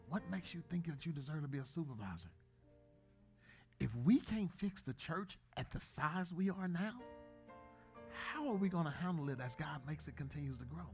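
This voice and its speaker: A man in his thirties, a pastor, preaching a sermon in a church, joking at times and then building to loud, emphatic bursts. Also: on the high side. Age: 30s.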